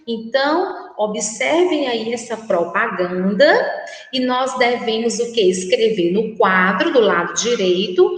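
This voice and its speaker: A woman teacher with a Brazilian Portuguese accent, giving a recorded lesson to children and speaking slowly and carefully, repeating words for them to say aloud. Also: a little high, animated. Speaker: primary school teacher. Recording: very echoey room with long reverb.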